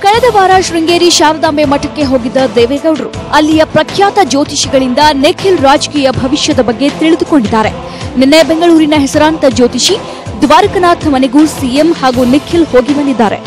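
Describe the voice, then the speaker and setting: A woman's voice: high-pitched, fairly quick, over music. A woman reporter with a Kannada accent reading a scripted news voice-over with dramatic, punchy delivery.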